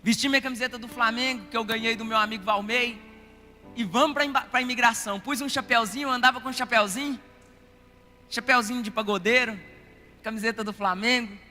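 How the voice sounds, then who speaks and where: High-voiced Brazilian pastor preaching. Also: male voice, fairly quick. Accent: Brazilian Portuguese. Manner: animated, addresses listeners as "querido" and calls for amens. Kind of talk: storytelling sermon. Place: church hall. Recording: reverberant church hall with faint music.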